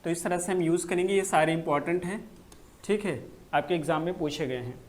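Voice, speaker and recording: High-voiced man teaching grammar live. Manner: repeats key phrases slowly, answers viewer comments. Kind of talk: live online class lecture.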